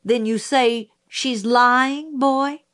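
A woman voicing a stern, scornful male prosecutor, talking slowly and cuttingly. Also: on the high side, fairly even intonation, a bit bright, voice pushed up. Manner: slow, cutting, rising in outrage.

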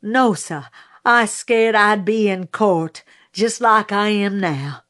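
Woman voicing a polite guy on the stand, quiet and steady, slow talk. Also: medium pitch.

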